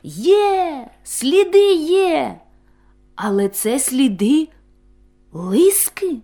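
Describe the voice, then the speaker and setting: A woman voicing an eager, boastful male puppy who tracks footprints in a storybook tale, excited and commanding. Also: fairly high pitch, a little slow.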